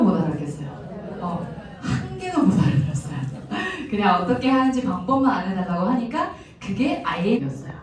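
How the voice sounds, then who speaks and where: Woman, thirties, chatty seminar speaker quizzing the crowd; animated delivery, faint room noise behind. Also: mid-range voice. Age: 30s. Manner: chatty, poses questions to the audience. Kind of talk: motivational seminar talk. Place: large hall. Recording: echoey hall from far off.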